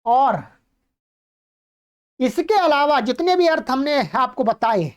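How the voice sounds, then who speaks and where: A woman with a high voice teaches grammar in an online lecture. She explains each rule patiently and keeps checking that her listeners follow. When she recites a rule she slows right down. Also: expressive.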